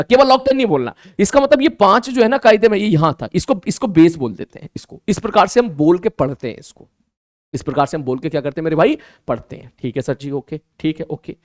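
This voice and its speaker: A male teacher with a high voice, talking through a maths lesson in a lively way and voicing his students' replies himself. He slows right down to spell out new terms. The sound is dry and close, with no room echo. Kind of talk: online math lesson.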